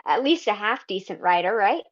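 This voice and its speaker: Thoughtful woman guest chatting about her writing, relaxed and unhurried, muffled lo-fi audio. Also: medium pitch. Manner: unhurried, thoughtful, frequent ums. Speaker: guest fanfiction writer. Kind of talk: casual podcast interview. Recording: slightly dull lo-fi audio.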